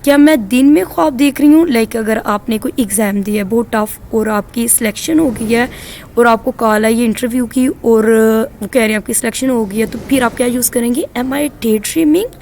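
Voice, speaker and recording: Woman, Pakistani accent, English teacher, slow repeated phrases, slightly high voice. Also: steady tone, darkish tone, slight background noise. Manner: says English phrases slowly and repeats them. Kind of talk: spoken English lesson.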